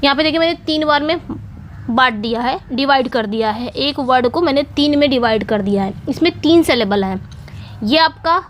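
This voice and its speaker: A woman's voice: high voice, moderate pace, a little hiss or hum. A woman teacher explaining poetry meter in a class video, patient and repetitive, checking in with her students often. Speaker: English teacher.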